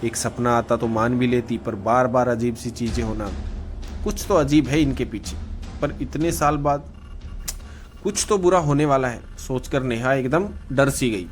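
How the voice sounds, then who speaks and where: A man telling a scripted horror story in a steady, storytelling voice, pitched right in the middle. Faint music plays behind the narration. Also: unhurried.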